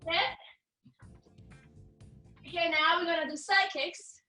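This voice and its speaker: A woman coach with a very high voice gives exercise instructions at an unhurried pace. She repeats short commands and encourages as she goes. The recording is roomy and distant, with faint music behind. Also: steady tone, sharp tone. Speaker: gymnastics coach leading a warm-up.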